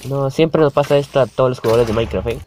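A man's voice: mid-range voice, fast talker, darkish tone, a little hiss or hum. A young man, chatting and reacting to a video on his channel, laughing often and calling out at the screen. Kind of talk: casual reaction commentary.

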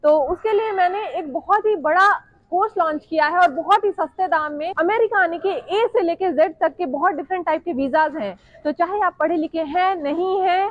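A woman's voice: extremely high pitch, a little fast, no echo, lo-fi sound. A woman in her thirties chattily explaining grocery prices to the camera as a vlogger, recorded with a clip-on mic. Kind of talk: casual vlog narration. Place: large supermarket, indoors.

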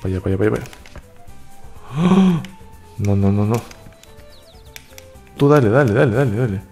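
Man narrating gameplay, excitable bursts of cheering, warm mellow voice, faint game music under him. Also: on the low side. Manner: excitable, cheers and repeats words in quick bursts. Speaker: gaming YouTuber. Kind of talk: live gameplay commentary.

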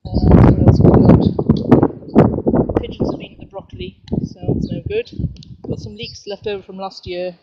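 Over a noisy crowd, a middle-aged woman with a fairly high, creaky voice gives a casual home video tour of her back garden and chickens at a moderate pace. She narrates chattily and cheerfully as she walks outdoors, recorded on a handheld camera mic with dull, noisy lo-fi audio.

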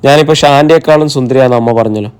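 A man voicing an excitable, childlike young woman in an audiobook, eager and pleading. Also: mid-range voice, quick pace, clear, resonant tone, close to an everyday voice. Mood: delighted.

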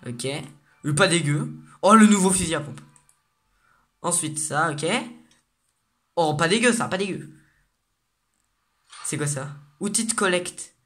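A gaming video host giving casual commentary on new game content, excitable and reading the menu text aloud as they go. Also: medium pitch, measured pace, pauses often.

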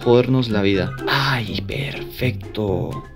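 A man doing excitable, jokey let's play commentary, swearing at the game and talking to his viewers. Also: mid-range voice, normal speed. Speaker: gaming channel host. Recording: music playing under the voice.

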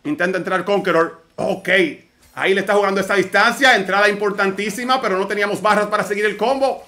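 A man doing energetic live play-by-play commentary on a fighting game match, urgently calling every move and addressing viewers directly. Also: sits high, fast talker. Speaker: esports caster.

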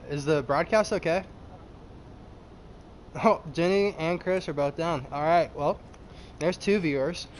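Young male streamer, slightly high voice, rambling casual chat over a headset, noisy line. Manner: rambling, addresses chat, many fillers. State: out of breath.

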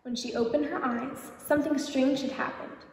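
A woman reading a children's picture book aloud at a library storytime, gently asking the children questions. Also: sits high, fairly even intonation, moderate pace. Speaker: storytime reader. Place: library event room. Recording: echoey hall, distant mic.

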